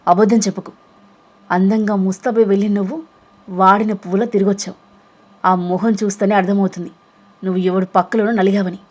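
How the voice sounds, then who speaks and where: A woman voicing a hard-hearted middle-aged mother who scolds and shouts in an audio novel reading. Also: medium pitch, steady tone, fast talker, close to an everyday voice. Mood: accusing. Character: cruel harsh stepmother, middle-aged, hateful.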